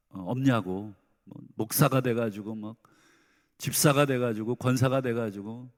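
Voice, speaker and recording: A middle-aged man preaching a sermon as pastor, earnest, moving between soft pleading and loud emphatic bursts. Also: medium pitch. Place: church sanctuary. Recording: reverberant church hall.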